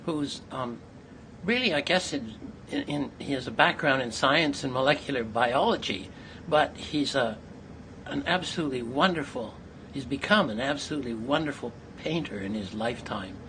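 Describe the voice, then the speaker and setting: A man interviewing an artist, speaking in an effusive, halting way with many fillers. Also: mid-range voice, lively intonation, a bit bright. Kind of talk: conversational interview. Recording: noisy background ambience.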